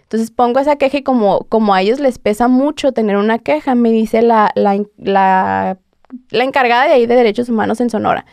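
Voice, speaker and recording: A woman's voice: fairly high pitch, a little fast, gravelly, darkish tone, dry recording, studio quality. A young woman with a Mexican accent, a podcast guest telling her story casually with lots of fillers and acted-out quotes. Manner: conversational, heavy fillers, acts out quotes.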